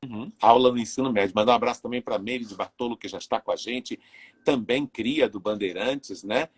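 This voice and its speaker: A man's voice: medium pitch, fairly quick, slightly rough. A man in his sixties hosting a live video interview, chatty and full of fillers as he greets viewers. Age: 60s. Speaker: interviewer and live show host.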